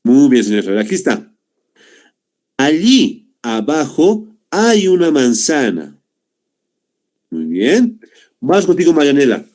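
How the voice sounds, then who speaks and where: Long pauses mark the slow delivery of a young man teaching an online class over a video call. His medium-pitched, a little mellow voice swings widely in pitch, and he explains patiently, checking in with "¿no?" after each point and repeating "muy bien."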